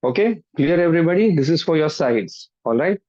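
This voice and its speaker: Coaching a live group workout over an online video call, a man with an Indian accent mixes Hindi and English, spurring people on with repeated short commands and counts. His voice is a little high and a little mellow, with lively intonation and drawn-out words. The video-call audio sounds dull and roomy.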